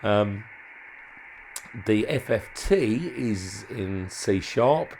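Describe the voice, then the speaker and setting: In this informal demonstration, a man presents radio equipment he has modified as a hobby, musing hesitantly and letting sentences fade away. He has a lowish, somewhat mellow voice with lively intonation and drawn-out words, captured in a rough recording with a bit of background noise.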